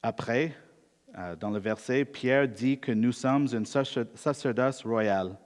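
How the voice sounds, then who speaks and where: Delivering a sermon, this Canadian native English speaker talks in a deliberate, measured way and eases his pace for scripture readings. He has a mid-range voice, and a long reverb tail follows his words.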